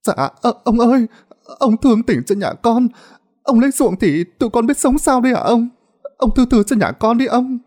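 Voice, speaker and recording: A man's voice: high voice, big pitch swings, brisk, a little mellow, voice pushed up, heavily acted. A man voicing a timid middle-aged peasant woman in a storybook tale, stammering and begging. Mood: pleading.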